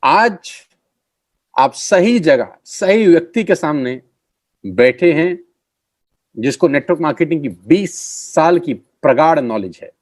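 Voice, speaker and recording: A middle-aged man gives a motivational sales pitch as a network marketing trainer. He stresses and repeats key phrases. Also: lively intonation, slow, long pauses, no echo, clean studio sound.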